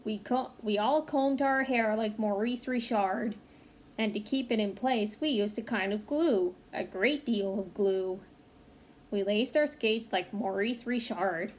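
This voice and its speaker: Reading a children's picture book aloud, a woman with a mid-range voice sounds expressive and engaged. She pauses for small asides to her young listeners, and the home recording is clearly noisy.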